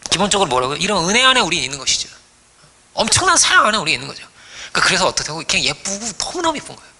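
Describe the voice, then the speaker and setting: A man's voice: sits high, huge pitch swings, rapid-fire, sharp tone. A man preaching a sermon as pastor, telling stories playfully, acting out voices and often checking in with the congregation.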